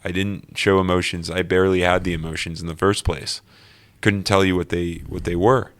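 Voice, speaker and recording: A man telling his own personal story in an earnest, animated way during an interview. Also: deep voice, normal speed. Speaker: guest.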